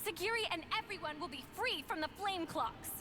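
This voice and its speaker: Fiery, very high-pitched girl fighter. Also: lively intonation, a little fast, noisy background. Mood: furious. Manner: impassioned, outraged shouting. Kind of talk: video game voice acting.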